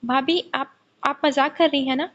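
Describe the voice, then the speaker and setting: A woman voicing a quiet, serious young woman who blames herself. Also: high-pitched, fairly even intonation, normal speed, highs cut off, natural voice. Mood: subdued. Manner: subdued, serious.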